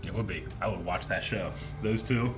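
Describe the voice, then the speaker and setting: A man hosting a show reaction with casual, joking commentary and an animated manner. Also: on the low side, normal speed, music in the background.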